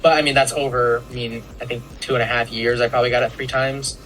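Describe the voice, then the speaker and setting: A man's voice: mid-range voice, little pitch movement, fast, fairly bright tone, poor audio. A young man, a student, answering an interview casually and plainly.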